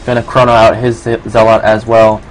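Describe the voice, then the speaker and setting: A man with a New York accent giving relaxed, filler-heavy solo play-by-play commentary on a strategy game. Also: fairly low pitch, fairly quick, a little hiss or hum, rough recording. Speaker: esports commentator.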